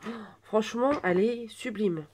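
A woman in her twenties chatting through an unboxing at home, gushing with soft exclamations. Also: medium pitch, moderate pace. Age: 20s. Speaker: vlogger unboxing a birthday gift. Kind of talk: casual unboxing chat.

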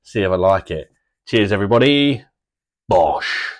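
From a small home bar room, recorded close, a British man in his thirties with a deep voice gives a casual beer review to camera. He's animated yet measured in pace, easygoing and chatty, drifting through fillers and loose descriptions.

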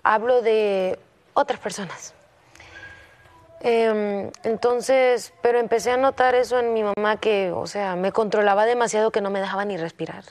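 A young woman speaks softly and haltingly as she confides in her teacher, often breaking off and starting a sentence again. Her pitch sits in the middle range for a woman. She sounds like a contestant opening up about something private. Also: steady tone. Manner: soft-spoken and hesitant, with many restarts. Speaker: singing competition contestant. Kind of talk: personal confession to a teacher.

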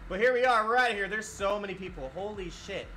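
Excitable high-voiced male streamer. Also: fast talker, a little hiss or hum. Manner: excitable, swears a lot, laughs at himself. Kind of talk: live-streamed gameplay commentary.

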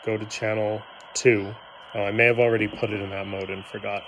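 Speaking briskly and with little pitch movement, a man with a lowish voice demonstrates a gadget indoors in his living room. He's a hobbyist rambling hesitantly through a casual, unscripted tutorial, and the background is noisy.

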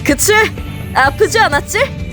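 A woman's voice: very high-pitched, animated, measured pace, over music. A woman playing a manic, gleeful scientist with playful sing-song cooing, in an anime dub style.

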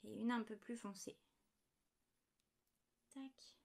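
A woman in her thirties with a slightly high voice chats casually from her home desk. She shows off small knitting items, often apologizing and pausing over the little details. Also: fairly even intonation, gravelly, darkish tone. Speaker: knitting podcast host. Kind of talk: casual show-and-tell chat.

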